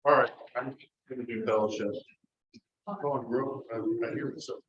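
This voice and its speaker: A man running the fellowship part of a club meeting, teasing the room in a playful deadpan way. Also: mid-range voice, moderate pace, lo-fi sound. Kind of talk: casual joking announcements. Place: meeting hall. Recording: roomy hall with faint noise.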